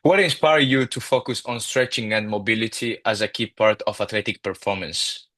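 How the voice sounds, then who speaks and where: A young Italian man, a student whose first language is Italian, carefully reads prepared interview questions in an Italian accent. His voice is fairly low and sharp, at normal speed, with brief yeahs and no echo.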